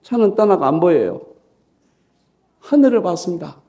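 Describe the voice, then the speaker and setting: A middle-aged Korean man preaching at a dawn church service, his high, gravelly voice leaping up and down in pitch. He tells his own story with deep feeling, rising to loud cries and then sinking to near-whispers. The tone is dark and mellow in spite of the height. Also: big pitch swings, normal speed. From South Korea. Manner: emotional, swings from loud exclaiming to hushed whispers. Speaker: pastor. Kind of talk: sermon with personal storytelling.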